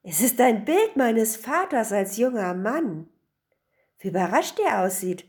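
A woman's voice: medium pitch, normal speed, mellow, lightly acted. A woman voicing an earnest young husband in a storybook tale.

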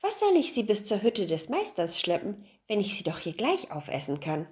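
A woman's voice: medium pitch, huge pitch swings, normal speed, darkish tone. A woman voicing a greedy, hungry young boy who eagerly talks himself into things in a storybook tale. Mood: scheming. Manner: eager, self-justifying.

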